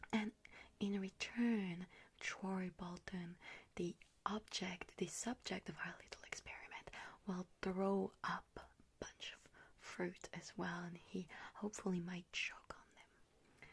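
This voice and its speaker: A gleeful young witch casting hexes, as a woman whispers her, in a whispered role-play. She talks slowly and unhurriedly, playfully sinister and chatty, at a middling pitch. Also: slightly rough. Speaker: ASMR creator.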